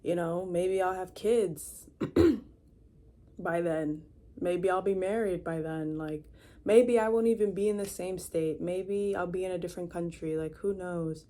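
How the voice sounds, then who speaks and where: Her voice is lowish and dark, and she keeps a measured pace. The 23-year-old vlogger chats loosely to the camera in her room, stumbling through fillers and restarts.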